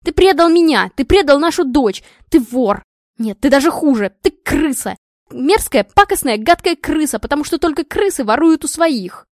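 A woman voicing a furious young wife who scolds her husband in a shrill voice. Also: animated, fairly quick, no echo, studio quality. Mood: furious yelling.

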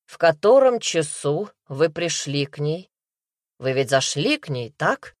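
A woman's voice: sits low, very animated, measured pace, no room sound, studio quality. A woman reading an audiobook, voicing a male detective who interrogates a suspect in a harsh, barking manner. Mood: furious. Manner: harsh, barking, pressing questions. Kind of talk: audiobook character voice.

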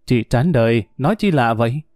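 A man's voice: medium pitch, lively intonation, a little fast, darkish tone, no room sound, clean studio sound, close to an everyday voice. A man voicing a jovial middle-aged local boss, chatting in an easygoing, amused way. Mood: genial.

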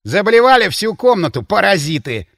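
A man voicing a loud, sarcastic male drinking companion who lectures his friends. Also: high-pitched, sing-song, moderate pace, gravelly, no room sound, clean studio sound, pitched above the performer's own voice, heavily acted. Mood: rowdy. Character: brash loud male bar companion, mocking.

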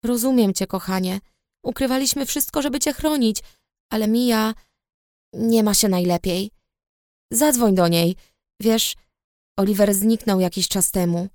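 A woman reading the part of a caring middle-aged mother who speaks softly and soothingly. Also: medium pitch, unhurried, pauses often, no room sound, studio quality, natural voice. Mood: gentle.

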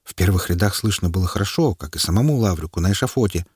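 A man's voice: low voice, quick pace, husky, dry recording, clean studio sound. A man narrating an audiobook expressively and voicing all of its figures. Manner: expressive reading, playing every figure.

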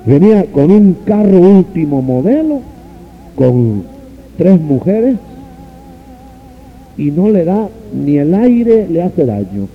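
A man preaching a sermon with passion, swinging from soaring cries to low asides and calling the listeners brother. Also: sing-song, slow pace, long pauses, faint music behind. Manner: addresses listeners directly as brother. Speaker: pastor. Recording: dull lo-fi recording with faint hiss.

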